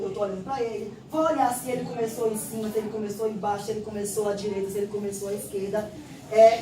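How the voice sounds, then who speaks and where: Woman, Brazilian Portuguese accent, teacher, step-by-step explanation, high voice, distant mic. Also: background noise. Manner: explains step by step, acts out classroom exchanges. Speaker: literacy teacher. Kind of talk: instructional explanation. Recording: roomy echo, distant mic.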